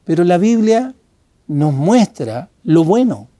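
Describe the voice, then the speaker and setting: A man with a Chilean Spanish accent preaching a sermon as pastor, animated and acting out a guard who shouts warnings. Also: high voice, slow, no echo, studio quality.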